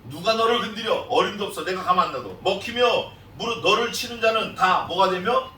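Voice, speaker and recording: A man's voice: sits high, lively intonation, a little fast, pushed and bright, a little hiss or hum. A male pastor preaching an expository sermon in an emphatic, repetitive style. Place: church sanctuary. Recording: echoey church sound from a distant mic.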